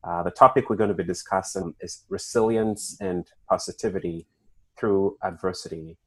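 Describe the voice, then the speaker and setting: A podcast host with a very deep, husky voice frames his interview questions in a measured, steady way. While introducing his guest he pauses often with filler sounds. The recording quality is low.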